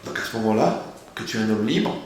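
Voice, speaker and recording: A man giving a lively, humorous sermon, asking rhetorical questions and playing on words. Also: lowish voice, quick pace. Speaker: rabbi giving a Torah lesson. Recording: very echoey room, faint background noise.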